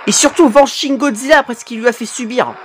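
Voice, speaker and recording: A woman hosting a reaction video, excitedly cheering, swearing at the screen and turning hushed when moved. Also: on the high side, quick pace, slight background noise. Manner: turns hushed and emotional at sad moments. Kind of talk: live reaction commentary.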